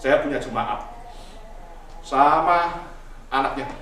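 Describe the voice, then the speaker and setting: A man preaching a Sunday sermon, swinging between loud shouts and hushed asides as he addresses the congregation. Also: mid-range voice, slow pace, slight background noise. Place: large church hall. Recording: echoey hall, heard from a distance.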